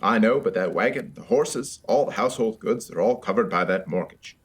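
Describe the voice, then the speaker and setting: A man playing a weary, dispossessed frontier farmer in a radio western, with a husky, folksy, resigned delivery. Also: fairly low pitch, animated, fairly quick. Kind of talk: old-time radio western acting.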